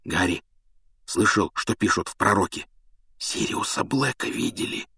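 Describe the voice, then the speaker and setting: A man voicing a worried teenage schoolboy who speaks in a hushed, half-whispered way in an audiobook. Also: sits low, fairly even intonation, brisk, husky, no room sound, clean studio sound.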